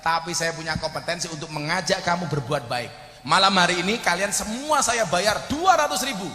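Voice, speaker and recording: A man with a Javanese accent preaching a humorous sermon, telling animated stories and shouting out his punchlines. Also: high voice, fairly quick, faint music behind. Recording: echoey hall reverb.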